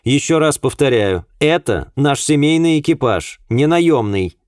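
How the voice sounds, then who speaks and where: A man's voice: mid-range voice, expressive, normal speed, dry recording, clean studio sound, pitched above the performer's own voice, natural voice. Man putting on a curt, haughty Victorian lady. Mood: indignant. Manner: sharp, indignant, clipped replies.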